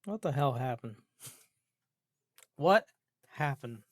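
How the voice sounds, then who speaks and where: A medium-pitched, expressive man speaks slowly in a dry, clean studio recording. He's a gaming commentator ranting unscripted and exasperated about a video game, full of grumbling, swearing, emphatic repetition and rhetorical questions.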